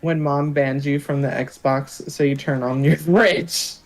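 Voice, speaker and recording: A co-streamer chats alongside a gameplay stream in an even, mid-pitched voice, reading out chat messages and making dry, teasing asides. Loud game music plays underneath. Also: unhurried, poor audio.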